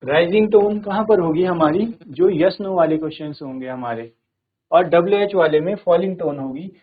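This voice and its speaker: Man teaching over a thin line. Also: fairly high pitch. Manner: explains step by step, repeating "theek hai" often; reads English lines slowly and clearly. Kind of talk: virtual classroom lesson. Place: studio. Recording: phone-like narrow band.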